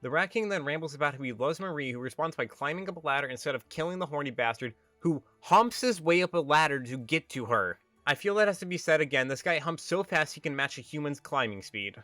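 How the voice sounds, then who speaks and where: A man's voice: a little high, lively intonation, quick pace, hardly any pauses, sharp tone, no room sound, soft background music. A man giving a comedic, scripted movie review as a voice-over, sarcastic and exasperated, often ranting. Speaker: video reviewer.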